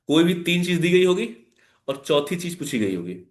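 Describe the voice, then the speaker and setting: A man's voice: high-pitched, sing-song, normal speed, roomy sound. A man with an Indian accent teaching a live online maths class, explaining step by step and putting questions to his students. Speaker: maths tutor.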